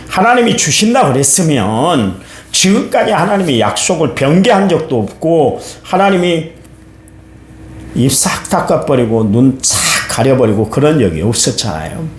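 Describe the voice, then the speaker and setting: A man preaching a dawn service sermon as pastor, colloquial and animated, acting out people's complaints. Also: mid-range voice. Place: church sanctuary. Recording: echoey church hall, faint hum.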